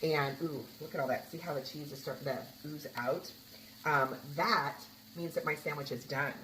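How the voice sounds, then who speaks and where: A woman's voice: low-pitched, normal speed, a bit bright, roomy sound, distant mic, slight background noise, poor audio. A woman hosting a home cooking video, chatting casually as she makes a sandwich and tastes it. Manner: chatty, homey, talks while cooking and tasting. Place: home kitchen.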